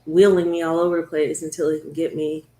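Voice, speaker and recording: A woman's voice: low-pitched, level tone, mellow, echoey room. A woman talk show host telling the story of her own illness in an earnest, conversational way. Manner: earnest, storytelling, slows down at hard moments.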